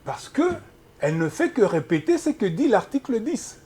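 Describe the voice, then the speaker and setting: A husky, mellow-toned man, talking as a lawyer in a studio interview. He explains in a measured, lecturing way, with a lively rise and fall in his pitch. He cites article after article. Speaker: human rights lawyer guest.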